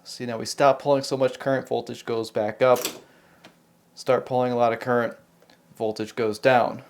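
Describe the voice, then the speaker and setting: An American man with a mid-range, fairly flat voice speaks at a normal speed. As host of a repair video channel, he gives an unscripted, hands-on technical demonstration, chatting casually and thinking aloud as he works.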